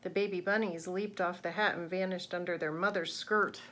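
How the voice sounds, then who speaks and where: Expressive woman reading a picture book aloud. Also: fairly low pitch, normal speed, slight background noise. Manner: expressive, asks young listeners questions. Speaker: read-aloud narrator.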